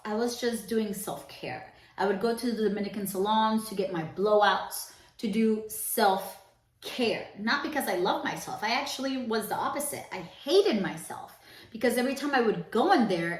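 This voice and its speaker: A woman's voice: on the high side, reverberant. A young woman from Cuba, a podcast co-host, telling a personal story in a casual, candid vlog. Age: young adult. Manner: chatty and candid, switches between quick and slow emphatic phrasing.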